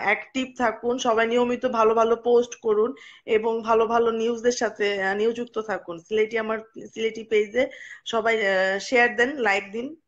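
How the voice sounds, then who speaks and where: A woman's voice: a little high, muffled recording. A young woman, hosting a casual live stream and answering viewer comments with lots of hesitations. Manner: chatty, reads out names and answers comments with frequent hesitations.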